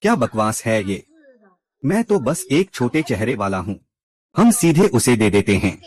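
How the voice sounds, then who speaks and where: A man's voice: mid-range voice, very animated, measured pace, darkish tone. A man narrating a drama recap in a scripted way, reading out every character's lines himself.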